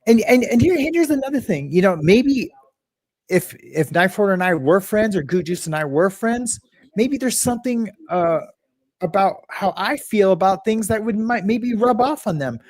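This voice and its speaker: A man's voice: high voice, animated, moderate pace, darkish tone, dry recording. A man hosting a casual livestream, rambling and restarting, greeting viewers from the chat. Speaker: livestream host.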